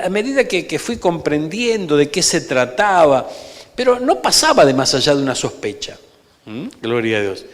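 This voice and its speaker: A man with an Argentine Rioplatense accent preaches an emphatic sermon in a church sanctuary, often calling out for amens. His voice is fairly high, and the reverberant hall carries slight background noise.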